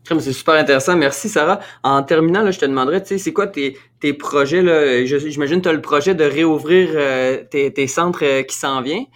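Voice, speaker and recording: A man with a Quebec French accent hosting an interview, relaxed and hesitant with fillers. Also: a little high, brisk, few pauses. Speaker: podcast host. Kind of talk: casual interview chat.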